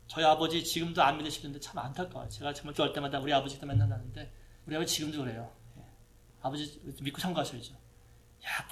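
A man preaching a sermon, talking to the congregation conversationally and asking them rhetorical questions. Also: a little high. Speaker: pastor. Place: church hall with a projector.

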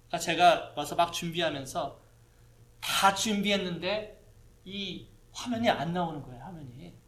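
A male pastor gives a sermon in a church hall, speaking with a somewhat higher voice than most men. His delivery is conversational, and he often turns to the congregation with rhetorical questions. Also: a bit bright.

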